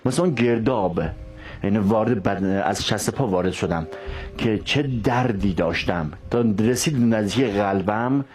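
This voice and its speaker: Interview guest, male, lower pitch, halting delivery full of fillers. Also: a little mellow. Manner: hesitant, many filler sounds. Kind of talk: recounting a near-death experience.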